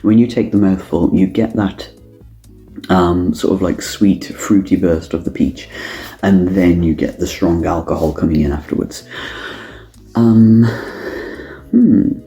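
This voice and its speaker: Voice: low voice, measured pace, warm tone, dull audio, soft background music. A casual tasting review, the speaker thinking aloud with many ums and restarts while trying a drink. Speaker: drinks taster reviewing canned cocktails.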